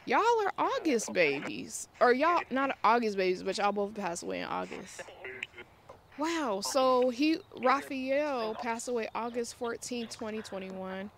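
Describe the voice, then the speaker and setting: A woman's voice: fairly high pitch, animated, measured pace, crowd noise. A woman chatting informally to viewers as a paranormal vlogger, rambling and talking aloud to herself. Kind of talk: casual chat to viewers. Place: outdoors in a cemetery.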